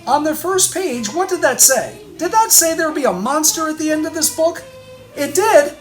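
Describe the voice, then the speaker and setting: A woman's voice: high-pitched, animated, faint music behind, pitched above the performer's own voice. A woman voicing Grover, a timid furry monster who begs and pleads in a frantic storybook reading. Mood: frantic pleading. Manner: frantic, pleading, drawn-out begging. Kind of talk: storybook read-aloud.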